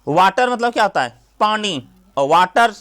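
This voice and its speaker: A man's voice: high voice, animated, normal speed, fairly bright tone. A male coaching teacher giving a classroom grammar lesson, drilling students with repeated questions and then answering them himself.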